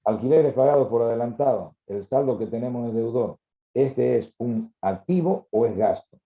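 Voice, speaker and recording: A man's voice: mid-range voice, moderate pace, roomy sound, highs cut off. A man teaching an accounting class, explaining patiently and checking that students follow. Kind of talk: classroom lecture.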